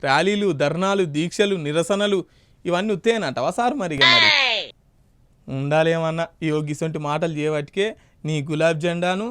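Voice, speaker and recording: A man's voice: on the high side, fairly quick, a little hiss or hum. A man with a Telangana Telugu accent hosting a satirical news segment, mocking and needling in his commentary. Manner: sarcastic, needling.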